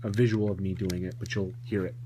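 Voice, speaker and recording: Electrical hum and noise fill this home recording of a man reviewing a vintage toy from his collection. Low-pitched and quick, he speaks with flat delivery, wandering through a casual hands-on look and frequently stopping to correct himself.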